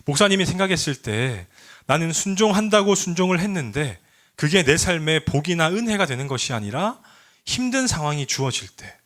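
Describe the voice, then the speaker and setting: Pastor asking questions in a youth sermon. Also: male voice, on the high side, fairly bright tone. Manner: asks the congregation questions and leads group readings.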